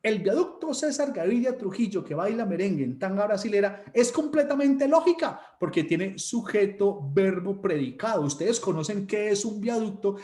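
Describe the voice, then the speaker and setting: Lively joking Colombian teacher, echoey room. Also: male voice, high-pitched, normal speed, few pauses. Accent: Colombian Spanish. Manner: joking, animated, mocks students with put-on voices. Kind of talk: online class lecture.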